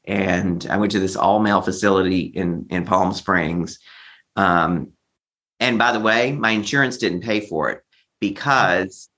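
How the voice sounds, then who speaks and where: Telling his own story as an interview guest, this memoir author has a low voice with a slightly bright edge. He is candid and theatrical, performing the lines he quotes from others.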